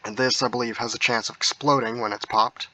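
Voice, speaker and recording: A man casually walking through a game mod update, rambling with frequent ums, heard through low-quality audio capture. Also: fairly even intonation, fairly quick, bright, forceful tone. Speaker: mod review video host. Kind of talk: casual gameplay walkthrough.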